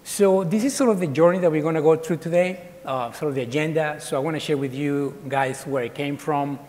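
A man in his forties, born in Colombia and raised in Ecuador, speaks to a room of students as guest speaker. His voice sits a little high, and he talks in an easygoing, lively way, full of fillers and restarts. The sound carries a long reverb from a large dark auditorium. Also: a little fast. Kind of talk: casual talk to students.

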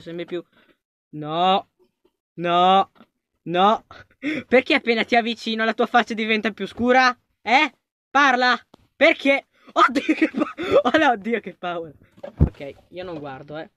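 An excitable gamer commentating a let's play, voice of middling pitch that jumps into panicked yelps and drops into mutters. They address the on-screen characters directly as if they could answer. The sound is dry and close, with no room around it. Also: unhurried, dry recording. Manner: excitable and panicky, talks to game characters, swings between shouting and muttering. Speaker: gaming video creator.

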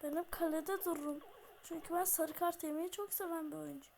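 A woman hosting her gaming channel, giving excitable running commentary on her own play and blurting exclamations and slang as she goes. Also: very high voice, brisk, a little hiss or hum. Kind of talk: live gameplay commentary.

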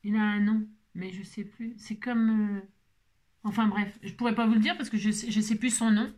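A woman's voice: mid-range voice, fairly even intonation, moderate pace, a little mellow. A woman vlogging casually while opening craft mail at her table at home, chatty and playful, gushing over every item.

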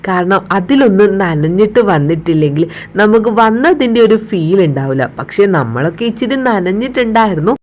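A woman's voice: mid-range voice, expressive, fairly quick, a little mellow. A woman narrating a casual travel vlog, chatting directly to viewers and mixing English words into her Malayalam. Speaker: travel vlogger.

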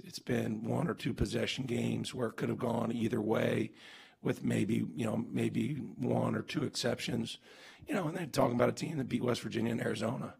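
In a postgame press room, a basketball coach in his forties answers reporters at a table mic on a stand, speaking in earnest, emphatic bursts full of restarts and fillers. His medium-pitched voice is creaky, husky and somewhat dark.

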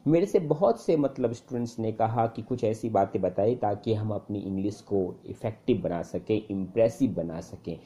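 Dark-voiced male English teacher. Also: moderate pace, few pauses. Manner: conversational, many fillers and repeated phrases, lively pitch jumps. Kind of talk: casual spoken lesson to students.

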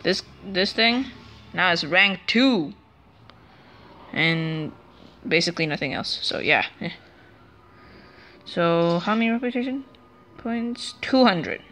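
A woman's voice: fairly low pitch, animated, takes it slowly, pauses often, a bit bright. A woman giving casual, rambling commentary over a video game let's play, often correcting herself as she talks. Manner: chatty, rambling, self-correcting.

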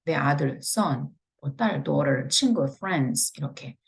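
A low-voiced woman with a Korean accent gives an English pronunciation lesson. Her voice has a gravelly, creaky edge, and she draws out each model phrase slowly before explaining it. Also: animated. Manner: slow, drawn-out model phrases with step-by-step explanations. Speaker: English teacher.

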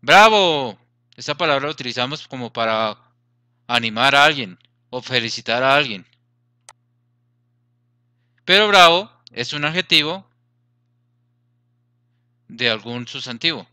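Slow, bright-voiced male teacher. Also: medium pitch, smooth, dry recording, studio quality. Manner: patient, repeats and checks students follow. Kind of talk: grammar lesson explanation.

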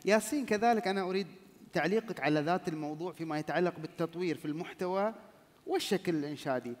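A man's voice: high-pitched, very fast. A man moderating a panel discussion, asking formal questions and dropping short affirming interjections. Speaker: session moderator. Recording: long hall reverb.

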